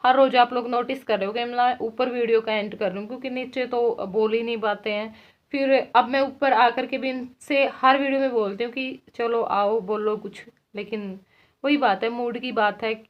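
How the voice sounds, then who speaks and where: Brief: bright-pitched woman vlogger, chatty and laughing, muffled lo-fi home recording. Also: fairly even intonation, moderate pace. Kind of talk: casual chat to viewers. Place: village home. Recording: dull lo-fi sound.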